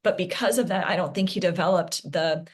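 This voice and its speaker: A woman speaking as an interview guest, a parent recounting her son's health journey in an earnest, halting way with frequent restarts. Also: lowish voice, slightly rough. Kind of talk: candid interview conversation.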